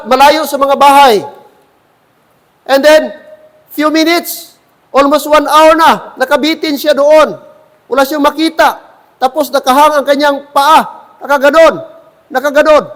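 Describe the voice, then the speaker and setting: A man's voice: very high voice, fairly even intonation, unhurried, long pauses, fairly bright tone, big-room sound. A man with a Filipino accent preaching a sermon as pastor, switching between Tagalog and English and often calling out to the congregation. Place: church.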